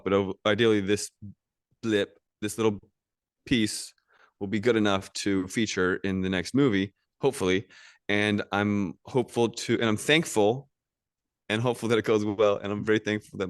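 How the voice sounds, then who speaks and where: A man's voice: deep voice, smooth, no room sound, studio quality. An American man talking casually as a podcast guest, rambling with lots of fillers and restarts. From United States.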